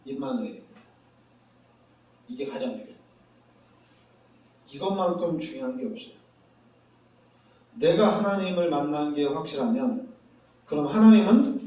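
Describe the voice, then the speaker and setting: Male pastor, animated sermon delivery, high pitch, heavy room echo. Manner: animated preaching, acting out quoted voices. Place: church sanctuary. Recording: echoey church hall from far off.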